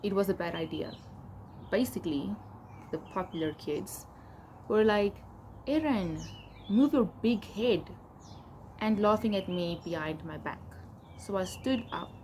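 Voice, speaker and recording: A young woman with a South African accent speaks in a slightly low register. She reads aloud and adds chatty, expressive asides like a casual vlogger. There is noticeable background noise in the recording. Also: moderate pace. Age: young adult. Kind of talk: casual reading of old diary entries with asides.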